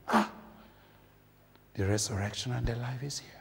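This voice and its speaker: A man preaching a sermon, impassioned, moving from loud declarations to hushed near-whispers. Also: medium pitch, fairly even intonation, moderate pace, vocal fry. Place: church. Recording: church hall reverb.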